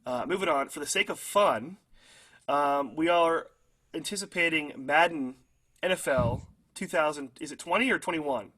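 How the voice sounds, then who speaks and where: With a fairly high pitch and a sharp tone, this young podcast co-host talks football at a moderate pace. The chat is casual, padded with filler words, and he frequently chuckles at his own bold opinions.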